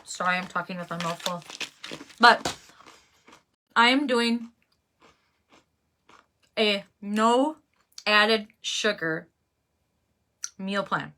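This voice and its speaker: A woman's voice: mid-range voice, drawn-out words, long pauses, bright, forceful tone. A middle-aged woman, hosting a casual livestream in a chatty, folksy way and greeting viewers by name. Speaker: livestream host selling handmade crafts. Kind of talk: casual live chat.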